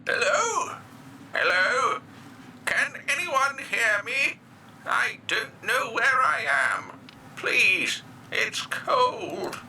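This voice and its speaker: A man's voice: very high-pitched, sing-song, drawn-out words, gravelly, a little hiss or hum, pitched above the performer's own voice, heavily acted. A man voicing a frightened, lost old man who pleads in a quavering voice, close to tears. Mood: frightened pleading. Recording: echoey, distant, loud music behind.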